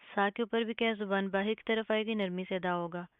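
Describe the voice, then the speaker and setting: A woman leads a careful recitation lesson, repeating each word slowly and checking in after every rule. Her voice is smooth and clear, though the sound is thin like a phone line and completely dry. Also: medium pitch, fairly even intonation, dry recording. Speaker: Quran recitation teacher. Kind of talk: step-by-step tajweed lesson.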